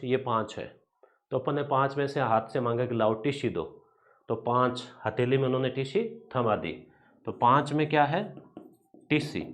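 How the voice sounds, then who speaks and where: A male coaching teacher, speaking at an ordinary middle pitch. He talks chatty and informal, and often repeats short rhyming memory tricks to drive a point home. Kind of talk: exam coaching lecture.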